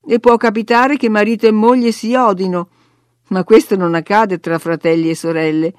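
A woman's voice: medium pitch, fairly even intonation, moderate pace, darkish tone, dry recording, studio quality, lightly acted. A woman voicing a headstrong, hot-tempered young girl who speaks earnestly and indignantly, in a read-aloud story.

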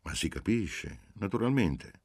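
A man voicing a doubtful, measured middle-aged professor on the telephone in an audiobook. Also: on the low side, sing-song, darkish tone, no echo, studio quality, voice pushed up, heavily acted. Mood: guarded. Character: wary middle-aged male professor, guarded then yielding.

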